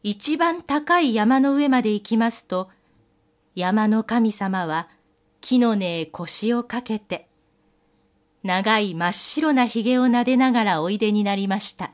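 A woman narrating a fairy tale in a gentle, old-fashioned polite manner. She speaks fairly high and takes her time over each phrase, in an unhurried storybook style.

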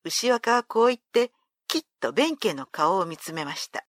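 A woman reading an old folk tale aloud as storyteller, in a clear, expressive way. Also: mid-range voice, normal speed, no echo, clean studio sound.

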